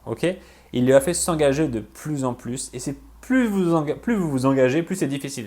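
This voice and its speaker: Man, relationship coach, mid-pitched voice, fast casual explaining, lots of fillers and restarts. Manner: hesitant, many fillers and restarts, checks in with "ok?"; talks fast. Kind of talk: casual explanatory video talk.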